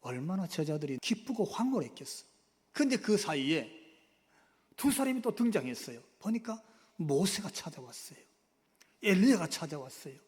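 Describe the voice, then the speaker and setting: Male pastor, sermon delivery, high and very animated voice, long reverb of a church hall. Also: normal speed. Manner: dramatic swings from loud outbursts to near whispers. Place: church sanctuary.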